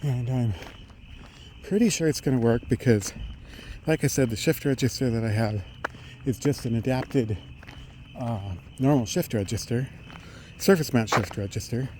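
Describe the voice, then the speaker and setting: A middle-aged man thinks aloud in a halting technical monologue while walking outdoors along a road. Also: medium pitch, darkish tone. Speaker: vlogger. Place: outdoors on a residential roadside. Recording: outdoor street noise, passing vehicles.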